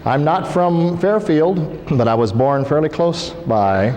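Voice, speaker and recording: Guest speaker, middle-aged man, chatty and quizzing the crowd, slightly high voice, long hall reverb. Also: expressive, takes it slowly, a little mellow. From Iowa, USA. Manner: conversational, asks the audience questions. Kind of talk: interactive talk to a school audience. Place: school hall. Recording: reverberant 1990s hall recording with faint hiss.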